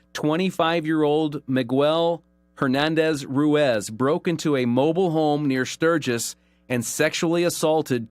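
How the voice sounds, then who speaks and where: Earnest and emphatic, a fairly high-pitched male host of a call-in radio show reads news headlines and adds commentary, slowing down on the phrases that matter. The recording is dry.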